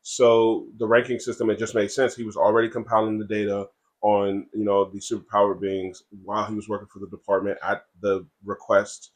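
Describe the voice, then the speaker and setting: A man co-hosting a casual podcast, talking in halting stretches with many fillers and restarts. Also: lowish voice, flat delivery. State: has the hiccups. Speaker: comic creator and co-host.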